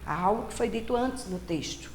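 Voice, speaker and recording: A woman's voice: medium pitch, lively intonation, moderate pace. A woman teacher with a Brazilian Portuguese accent, giving a recorded lesson and explaining step by step, repeating key words patiently. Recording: roomy echo with faint background hiss.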